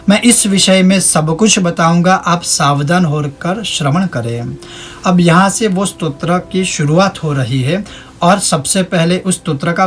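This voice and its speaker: A man teaching a devotional ritual, explaining its meaning and reciting Sanskrit verses in a slow, measured chant. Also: high-pitched, fairly bright tone. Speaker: religious teacher.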